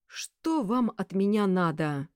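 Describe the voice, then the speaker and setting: A woman voicing a brusque, rough-spoken male commercial director in an audiobook, with a lively, expressive delivery. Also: mid-range voice, moderate pace, no echo, clean studio sound, natural voice. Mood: gruff. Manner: indignant, rough.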